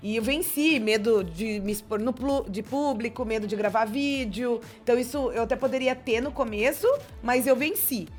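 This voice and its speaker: A woman, chatting as co-host. Her manner is easygoing, chatty and gently teasing. Faint music runs behind her. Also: a little high, normal speed, hardly any pauses. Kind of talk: casual chat.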